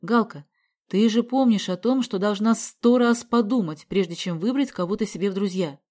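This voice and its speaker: Concerned, serious father asking pointed questions, soft mellow delivery, put on by a woman reader. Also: medium pitch, moderate pace, lightly acted. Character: serious concerned father, middle-aged man.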